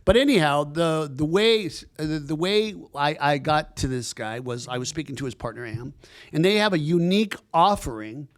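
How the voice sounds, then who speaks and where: A man's voice: on the high side, lively intonation, normal speed. A man hosting a podcast, chatting casually and enthusiastically with lots of restarts as he introduces his guest. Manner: rambling and enthusiastic, many restarts. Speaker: podcast host.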